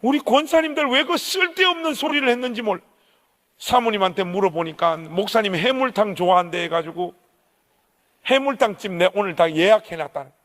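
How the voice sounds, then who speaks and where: A man's voice: high-pitched, expressive, fairly quick, fairly bright tone. A male pastor telling a personal story in a revival sermon, emotional and vivid, with acted-out quotes. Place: church sanctuary. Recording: long hall reverb.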